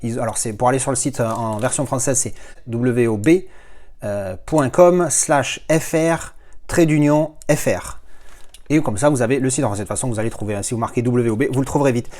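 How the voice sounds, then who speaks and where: A man's voice: mid-range voice, a little fast, a little mellow. Rambling man unboxing films. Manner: rambling, many fillers and restarts. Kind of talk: casual unboxing commentary.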